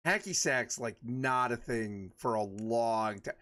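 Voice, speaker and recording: A man's voice: medium pitch, slow, a bit bright. A man in his forties chatting casually with his livestream viewers, rambling and laughing often. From Michigan. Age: 40s. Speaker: livestream host.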